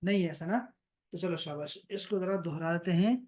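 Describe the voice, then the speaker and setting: A man from Pakistan teaching an online Arabic lesson, repeating each word slowly and switching to firm reminders. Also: high voice, darkish tone. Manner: patient, repetitive drilling of words, switching to strict reminders. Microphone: video call.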